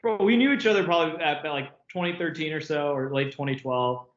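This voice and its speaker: A man's voice: fairly high pitch, fast. A man of about thirty, an interview guest in casual chat, talking with lots of filler words and frequent laughs over a remote call. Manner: chatty, laughs often, many filler words. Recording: echoey, muffled call audio.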